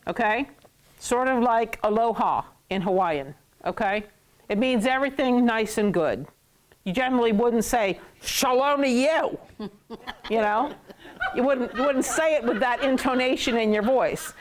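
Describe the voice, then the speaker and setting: A woman's voice: on the high side, normal speed. A woman teaching a class who jokes with her students, laughs often and repeats words to drill them. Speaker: Hebrew teacher. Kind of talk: classroom lesson.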